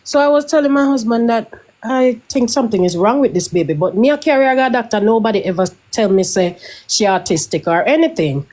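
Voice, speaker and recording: A middle-aged Jamaican woman calls in and tells her story in a quick, matter-of-fact way. She has a mid-pitched voice and slips into patois as she talks. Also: expressive, a little mellow. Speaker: caller. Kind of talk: casual live-stream chat.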